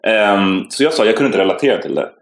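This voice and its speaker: A man from the Stockholm area hosting a podcast, talking in a relaxed, rambling way with fillers. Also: fairly low pitch. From Stockholm area, Sweden. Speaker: podcast host. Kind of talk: casual conversation. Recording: roomy echoey room.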